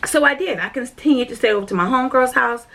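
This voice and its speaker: This vlogger's voice sits high, creaky, pushed and bright, and she talks quickly. Telling viewers directly about her spiritual journey, she rambles candidly through her life story, filling it with fillers and repeated words.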